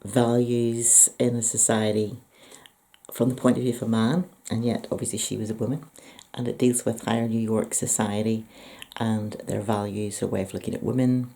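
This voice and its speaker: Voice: mid-range voice, little pitch movement, moderate pace, mellow. A speaker with a Northern Irish accent talking casually to viewers about books in a reflective, enthusiastic way. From Northern Ireland. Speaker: book and poetry vlogger. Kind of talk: casual book review talk to viewers.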